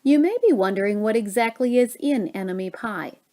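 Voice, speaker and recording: A woman reading a children's story aloud expressively, with dramatic pauses and stretched key words. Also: medium pitch, lively intonation, dark tone.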